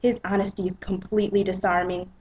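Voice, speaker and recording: Female narrator, breathy and husky, dramatic reading of romance fiction. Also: medium pitch, level tone, fast, a little mellow, poor audio. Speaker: reader and narrator.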